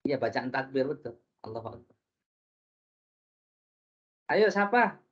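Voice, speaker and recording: A man teaching a religious class, lively and joking, often putting questions to his listeners. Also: mid-range voice, a little slow, breathy edge. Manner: lively, jokey, asks the audience questions. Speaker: preacher. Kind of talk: interactive religious lesson. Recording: dull lo-fi recording.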